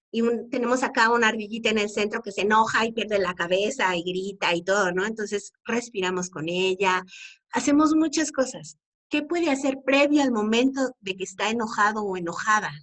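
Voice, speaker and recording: A middle-aged woman with a Mexican accent speaks to parents in a conversational, earnest way. Her voice sits a little high, and she keeps asking rhetorical questions as she talks. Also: a bit bright. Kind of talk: informal talk to parents.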